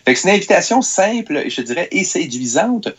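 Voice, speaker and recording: A man with a Quebec French accent, chatting casually on radio as a tech columnist, animated with stammering restarts. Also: high voice, fairly quick, husky. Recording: radio studio.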